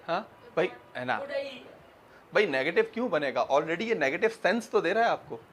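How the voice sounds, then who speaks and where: High-voiced male teacher, joking. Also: animated, normal speed, a crowd in the background. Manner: quizzes students and repeats examples; joking, teasing. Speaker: English teacher. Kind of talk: classroom grammar lesson. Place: classroom with students.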